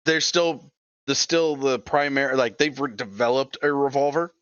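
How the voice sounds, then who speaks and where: A man's voice: mid-range voice, steady tone, normal speed, fairly bright tone, smooth, no echo. A man narrating a tabletop game as its game master, loose and casual, laughing often. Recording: dull, lo-fi and dry.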